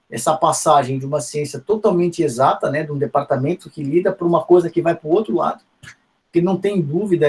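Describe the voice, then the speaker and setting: A man's voice: fairly high pitch, a little mellow. A middle-aged man from São Paulo with a Paulistano accent, giving a conversational university lecture full of tag questions and restarts. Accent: Paulistano Portuguese. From São Paulo, Brazil. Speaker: guest lecturer, physics education professor.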